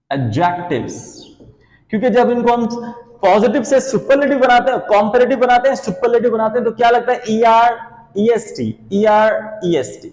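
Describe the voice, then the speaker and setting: Man, grammar lesson, repeats his own questions, high pitch, long room reverb. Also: a little mellow. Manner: repeats questions and answers them himself; addresses listeners as his children and friends. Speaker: English grammar teacher.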